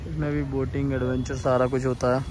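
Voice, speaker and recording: Filming on a handheld phone, a man in his thirties vlogs a road trip, enthusiastically pointing out views and places as he drives hill roads and walks outdoors. His medium-pitched voice is a little fast with little pitch movement, in casual travel narration. Audio is poor, with crowd, traffic and wind noise.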